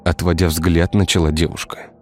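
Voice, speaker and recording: A man narrating a dark village tale in a scripted storytelling style. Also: sits low, flat delivery, moderate pace. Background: faint music.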